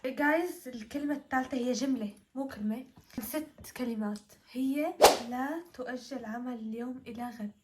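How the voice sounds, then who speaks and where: A woman's voice: sits high, moderate pace, background noise. A woman with a Levantine Arabic accent chatting casually and giggling through a playful game. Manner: giggly, animated. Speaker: challenge video participant. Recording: echoey room.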